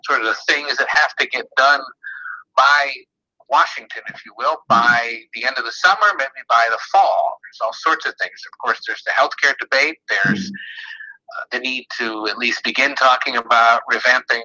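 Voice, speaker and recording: Bright-voiced man over the phone. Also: mid-range voice. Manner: measured, explanatory, with frequent filler pauses. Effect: heard over the phone. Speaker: politics reporter. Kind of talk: phone interview. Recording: muffled phone line.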